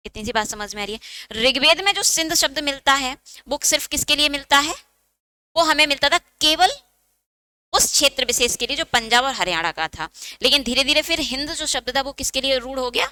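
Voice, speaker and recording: A woman's voice: sits high, animated, brisk, bright, forceful tone, no room sound. A woman teaching a Hindi exam-prep lecture, asking questions and answering them herself, and dictating note points.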